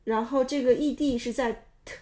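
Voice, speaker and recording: A woman's voice: a little high, steady tone, normal speed, warm tone. Methodical woman pronunciation instructor. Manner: methodical, explains step by step. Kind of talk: explanatory lesson narration.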